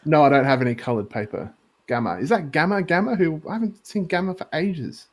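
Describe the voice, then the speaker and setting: A man's voice: on the high side, a little fast. Hesitant man rambling casually. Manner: rambling, hesitant, full of likes and ums. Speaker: live artist co-host. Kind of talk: casual livestream chat.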